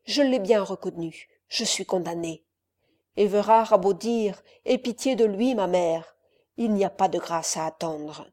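Woman reader as a furious count, contemptuous, loud, mellow tone. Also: mid-range voice, unhurried, close to an everyday voice. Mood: haunted. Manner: raging, contemptuous, raised voice. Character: furious cruel nobleman count, a father.

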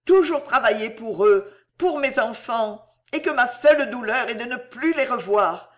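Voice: medium pitch, animated, a little slow, fairly bright tone, pitched above the performer's own voice. A reader voicing a dying servant mother, speaking in a raised, fervent, quavering way. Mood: tender. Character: dying mother, a servant woman, feverish and tender.

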